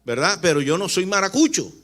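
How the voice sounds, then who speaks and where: With big swings in his high-pitched, slightly bright voice and a somewhat fast delivery, this apostle preaches a teaching sermon. He's from Barranquilla and has a Colombian Caribbean accent, and he drives his points home through repetition and rhetorical questions aimed at the audience.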